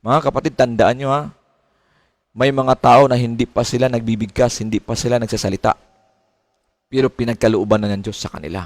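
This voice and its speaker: A man's voice: mid-range voice, steady tone, fairly quick, long pauses, dry recording. A middle-aged man preaching a sermon as a pastor, asking questions and mimicking complaints. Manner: preaching with rising questions and mimicked complaints, mixing English phrases.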